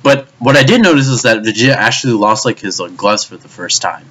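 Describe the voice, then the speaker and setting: A man's voice: lowish voice, lively intonation, fairly quick, fairly bright tone, husky. A man giving an anime review as a frustrated, profane rant, stammering and repeating himself as he goes. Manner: frustrated, stammering, swears often.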